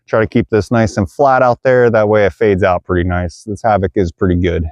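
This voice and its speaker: A lower-voiced man talks his way through a round of disc golf outside, slightly out of breath from the hills. He keeps up a casual running commentary to his viewers, and the sound is dry and close with hardly any reverb. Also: fairly even intonation, fairly quick, darkish tone. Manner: chatty, addresses viewers as guys. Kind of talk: casual play-by-play narration. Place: outdoor wooded disc golf course.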